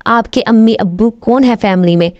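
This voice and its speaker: A woman's voice: fairly high pitch, moderate pace, darkish tone, no echo, natural voice. A woman voicing an earnest, lovesick young doctor. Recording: dull, dry recording.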